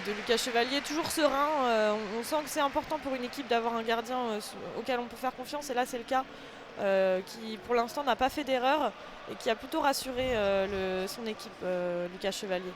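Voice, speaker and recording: A football co-commentator giving live sports commentary and analysis in a hesitant, halting way, repeating words. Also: mid-range voice. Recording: noisy outdoor ambience behind the voice.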